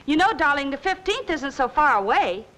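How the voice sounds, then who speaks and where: High, bright screwball comedy fiancée. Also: female voice, very animated, moderate pace. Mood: adoring, eager. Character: adoring, eager young bride-to-be. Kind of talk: 1940s screwball comedy banter, film acting.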